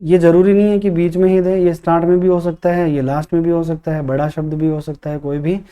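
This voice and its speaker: A man teaching an exam-prep lesson with a very dark, mellow tone that sits a little high for a male voice. He walks through each answer patiently and repeats words so students catch them. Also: flat delivery, brisk. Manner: explains step by step, repeats words for emphasis. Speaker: English teacher. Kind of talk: classroom lesson explaining a test paper.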